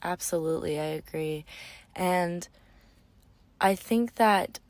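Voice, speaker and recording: Earnest lower-voiced young woman co-host. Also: slow pace. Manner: earnest, thoughtful, agreeable. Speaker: podcast co-host. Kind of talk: casual podcast chat.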